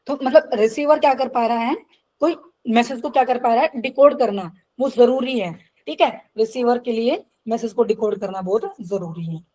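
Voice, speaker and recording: Woman teacher, online class over a video call, slightly high voice, slow English definitions mixed with Hindi, keeps asking "clear?". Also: warm tone, poor audio. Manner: asks checking questions. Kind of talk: online lecture.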